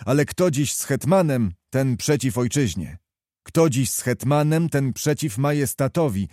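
A man's voice: medium pitch, lively intonation, measured pace, mellow, no echo, studio quality, close to an everyday voice. Stern patriotic officer, declaiming, by a male narrator. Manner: impassioned, declamatory speech.

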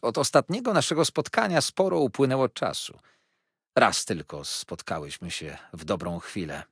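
A man's voice: medium pitch, animated, moderate pace, breathy edge, dry recording. A man reading an audiobook voices a stern, brusque older aunt who speaks in a dry, commanding way.

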